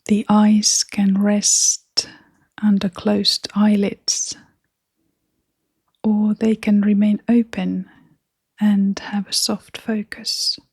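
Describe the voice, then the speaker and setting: A woman leads a meditation using short phrases and long, relaxed pauses, her gentle voice breathy, whispery and creaky. It sits in the mid range and moves very little in pitch. The studio-quality recording has no echo.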